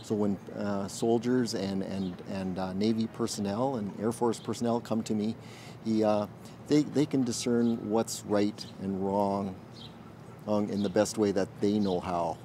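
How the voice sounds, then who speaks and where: Brief: male chaplain in his forties, thoughtful and searching for words, low and warm, outdoor interview. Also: fairly even intonation, slight background noise. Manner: earnest, thoughtful, pauses often to find words. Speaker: military chaplain and minister. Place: outdoors in a garden.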